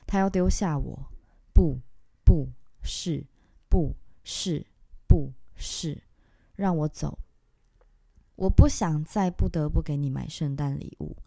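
A woman giving a dramatic reading of a stage text, in short broken phrases and long run-on lists. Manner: intense, halting delivery in short broken phrases; long breathless list, spoken low and soft.

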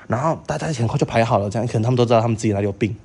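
A young man with a Taiwanese Mandarin accent, co-hosting a podcast and telling a story in a campy, animated way, acting out other people's lines and laughing often. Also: medium pitch, rapid-fire, breathy edge. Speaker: podcast co-host. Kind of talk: casual storytelling chat.

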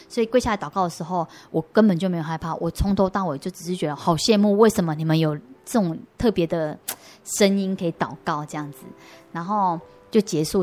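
A young adult woman with a lowish, darkish voice gives an earnest personal faith testimony as an interview guest, often halting and restarting her sentences.

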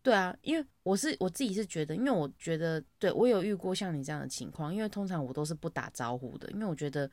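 A woman's voice: fairly low pitch, animated, quick pace, hardly any pauses, a little mellow, dry recording. A young woman, chatting casually and acting out her own greetings as she tells an office story. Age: young adult. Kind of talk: casual chat.

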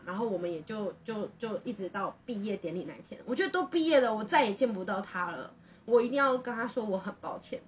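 A woman's voice: mid-range voice, distant mic, a little hiss or hum. A young woman, a podcast co-host telling a personal story in an earnest, rambling way full of restarts.

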